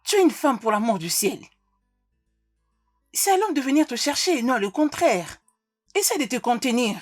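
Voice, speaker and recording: A royal mother in a French film dub, coaxing and soothing with a husky, slightly high voice. The sound is dry and close. Quiet music plays behind her. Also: very animated, moderate pace, no room sound. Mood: chiding. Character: fussing royal mother of middle age. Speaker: mother, queen.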